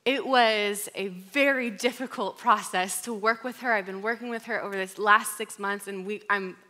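A woman pastor with an American accent giving a conversational sermon, telling a candid personal story with animated moments. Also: medium pitch, moderate pace.

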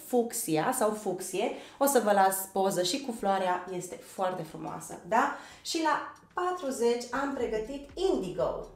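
A woman's voice: mid-range voice, reverberant. A woman from Romania teaching an online language lesson, who spells words letter by letter, drills pronunciation and checks in with her learners often. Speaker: English teacher. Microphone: desk microphone.

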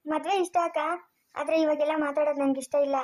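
A woman voicing a gentle, tearful young bride. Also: high-pitched, little pitch movement, fast, lightly acted. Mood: sad, timid. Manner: soft, polite, tearful.

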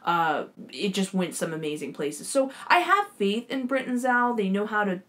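A woman's voice: medium pitch, sing-song, normal speed, fairly bright tone. A young woman hosting a show, giving an enthusiastic, rambling recap and commentary on a series, swearing casually as she goes. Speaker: show host reviewing a series.

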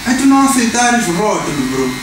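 A young Mozambican man with a high voice talks slowly and thoughtfully, mixing in bits of English slang. He was recorded from a distance in a very echoey barbershop. Electric clippers buzz loudly behind him. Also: big pitch swings. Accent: Mozambican Portuguese. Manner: reflective, mixes in English slang. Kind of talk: casual chat. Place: barbershop, indoors. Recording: echoey room from far off with noise.

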